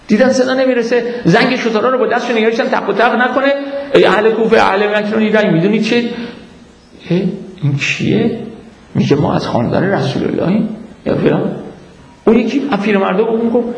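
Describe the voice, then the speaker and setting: A man's voice: high voice, creaky. A man telling a religious story as a sermon, dramatically acting out the quoted speakers. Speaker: preacher. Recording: echoey hall reverb.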